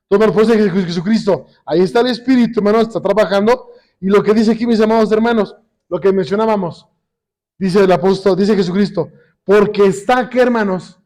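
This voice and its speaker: Guy with a higher voice teaching a church class, keeps asking the brothers to fill in the words, slows down for scripture. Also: a little mellow. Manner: constantly quizzes the congregation with call-and-response questions; slows down when quoting scripture. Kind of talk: sermon-style Bible lesson.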